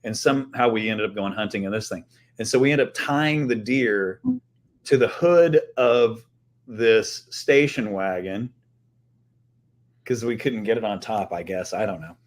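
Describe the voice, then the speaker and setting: A man's voice: fairly low pitch, unhurried. A middle-aged man co-hosting a podcast, telling stories in a loose, joking way with some swearing. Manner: storytelling, laughing and swearing. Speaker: podcast co-host. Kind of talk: casual chat.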